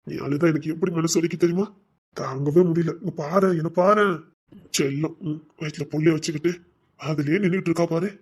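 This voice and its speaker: A man's voice: on the high side, darkish tone, natural voice. A man with a Tirunelveli Tamil accent playing a remorseful young husband who tenderly coaxes his pregnant wife in a domestic drama. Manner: tender, pleading, coaxing. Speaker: actor in a web series. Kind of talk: emotional domestic drama acting.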